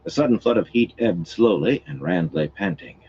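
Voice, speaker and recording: A man reading a fantasy novel aloud as expressive, steady storytelling. His voice sits very low yet moves through a lively melody. The sound is dull and lo-fi, with a faint hiss behind it. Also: normal speed. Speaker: audiobook reader.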